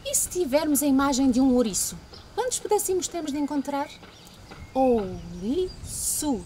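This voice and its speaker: A woman with a European Portuguese accent reading a story to children and then teaching a word game, slow, gentle and teacherly. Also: sits high, expressive, a little hiss or hum. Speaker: library storyteller.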